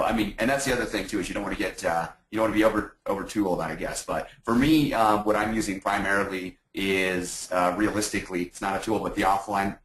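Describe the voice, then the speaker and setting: A man's voice: on the low side, fairly bright tone, reverberant, rough recording. A man speaking as a panelist on a video call, chatty and casual. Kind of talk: casual expert discussion.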